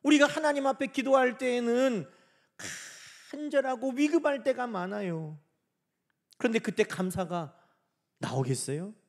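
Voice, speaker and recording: A male pastor preaching a sermon, asking the congregation questions and dropping to hushed, whispered asides. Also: extremely high pitch, animated, unhurried, pauses often.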